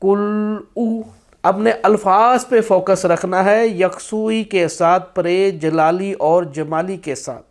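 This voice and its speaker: A man explaining a spiritual practice in a firm instructional talk, with stretches of slow chanted recitation. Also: sits high, fairly even intonation.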